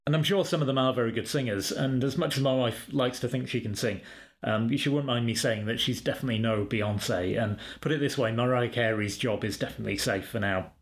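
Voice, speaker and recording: A man guesting on a casual podcast, easygoing and quietly humorous. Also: medium pitch, brisk.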